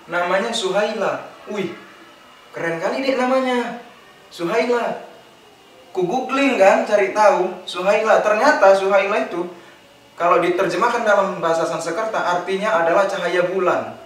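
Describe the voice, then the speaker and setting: A young man telling stand-up stories in an animated way, laughing at his own jokes. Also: high-pitched, moderate pace, slight background noise. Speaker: stand-up comedian. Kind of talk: stand-up comedy storytelling. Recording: very echoey room, distant mic.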